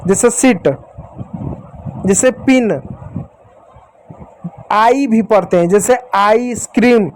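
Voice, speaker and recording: Slow, high-voiced male phonics teacher. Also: a little hiss or hum, low-quality recording. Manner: slow, patient, repeats example words and checks with "ठीक". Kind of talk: Hindi phonics lesson for children.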